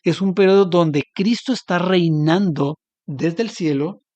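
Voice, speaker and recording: A man with a northern Mexican accent talks through theology as a podcast guest, earnest and explanatory, often pausing to hunt for the right word. His voice sits a little high for a man. The sound is dry and close. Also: a little mellow, dry recording. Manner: earnest, explanatory, searching for words. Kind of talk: casual theological discussion.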